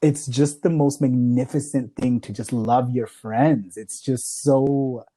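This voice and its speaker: Low, gushing young woman. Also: steady tone, dark tone, slightly rough. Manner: gushing, repeats herself, quick to laugh. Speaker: podcast co-host. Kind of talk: casual chat.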